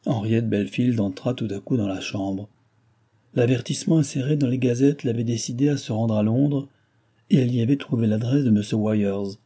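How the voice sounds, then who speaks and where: Dark, husky-voiced male narrator. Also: mid-range voice, normal speed. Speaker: audiobook narrator. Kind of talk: scripted narration of a classic novel.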